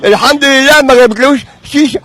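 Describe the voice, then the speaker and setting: A man with an Egyptian Arabic accent ranting loudly in a comic street interview, shouting and mock-wailing and dropping in English phrases. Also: very high voice, fast.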